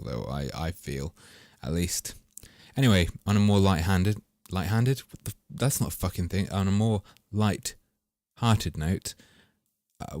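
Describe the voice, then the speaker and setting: A man's voice: low-pitched, darkish tone, no echo, studio quality. A man chatting casually and wryly over his gameplay footage, rambling and swearing as he goes. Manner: rambling, wry and profane. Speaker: gaming commentator.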